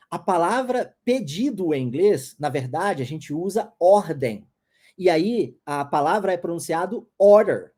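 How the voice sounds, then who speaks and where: A man teaching a live English class, telling an anecdote and slowly stressing English words. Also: high-pitched, a little mellow.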